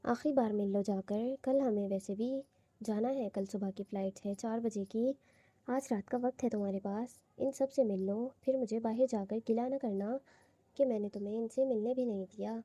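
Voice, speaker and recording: A teasing, romantic young husband, read by a woman in a coaxing, playful tone. The voice is husky and very mellow, fairly high for a woman, with a close, dry sound. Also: no echo. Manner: coaxing, playful, lightly reading.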